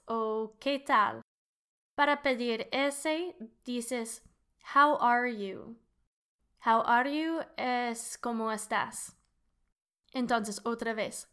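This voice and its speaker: A woman's voice: a little high, a bit bright, clean tone. A woman who speaks Spanish as a second language, with an English accent, hosting a language lesson and modelling phrases for listeners to repeat. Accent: English-speaking learner of Spanish. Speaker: language teacher, podcast host.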